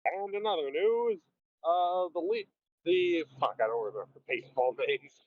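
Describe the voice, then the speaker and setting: A man playing a tabletop game, talking on his phone in a halting way with many fillers. His voice comes through muffled and lo-fi, like an old newsreel. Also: on the high side, sing-song, dry recording. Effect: muffled lo-fi sound like an old 1940s newsreel. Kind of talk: casual game chat, recapping his character's research. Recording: tinny phone line, lo-fi old-newsreel sound.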